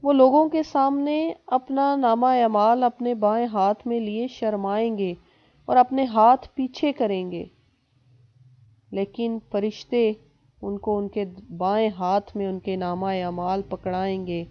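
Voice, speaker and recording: A woman's voice: mid-range voice, steady tone. Woman reciting and explaining scripture, lo-fi. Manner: recites in Arabic, then translates and explains slowly. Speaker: Quran teacher. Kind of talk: reciting verses and explaining them.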